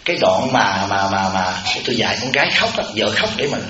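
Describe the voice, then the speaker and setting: A Buddhist monk giving a sermon in a temple hall, telling humorous stories and putting questions to the audience. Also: male voice, lowish voice, expressive, a little fast, a crowd in the background. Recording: echoey hall, muffled, audience noise.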